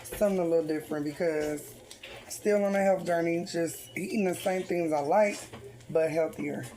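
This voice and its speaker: A woman with a low voice talks in a loose, off-the-cuff way as a home cook. Her breathing is heavy, and there is clear sizzling kitchen noise behind her. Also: moderate pace, dark tone. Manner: breathing heavily; informal, off-the-cuff. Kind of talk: casual cooking chat. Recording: noisy kitchen, sizzling frying pan. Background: food frying and sizzling.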